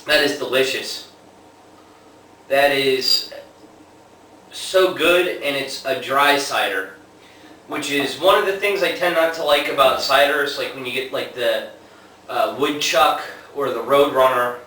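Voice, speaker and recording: A man casually reviewing a homebrew in a relaxed, unhurried way with plenty of fillers, recorded on a camera at a distance. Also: medium pitch, slight background noise. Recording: echoey room, mic at a distance.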